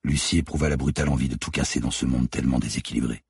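Very deep, husky male audiobook narrator. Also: steady tone, racing, darkish tone, no room sound. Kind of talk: scripted narration.

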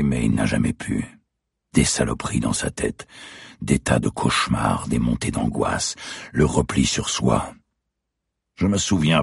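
A male audiobook reader puts on an exaggerated, very deep, gravelly, husky voice for a cold young masked killer who taunts his captive. Every word comes slowly and deliberately with a sneer, and the mood is brooding. The recording is close and dry.

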